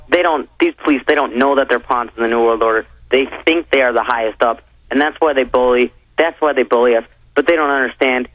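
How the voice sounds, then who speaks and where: A man's voice: mid-range voice, a bit bright, no room sound. Teen american guy calling into a talk show, earnest activist talk, muffled dry phone sound. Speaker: phone-in guest, young activist. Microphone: telephone. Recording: dull, dry telephone line.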